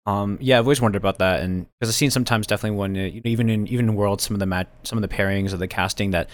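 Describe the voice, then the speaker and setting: A man hosting a podcast, speaking in a relaxed, halting way with many fillers. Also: lowish voice, no room sound, studio quality. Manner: relaxed, hesitant, lots of fillers. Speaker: podcast host. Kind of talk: casual podcast interview.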